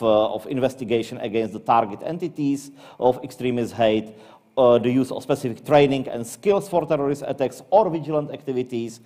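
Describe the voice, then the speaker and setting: A man from the Czech Republic with a Czech accent, presenting as an academic panelist in English. His delivery is halting, with frequent fillers and repeated words. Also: mid-range voice, mellow.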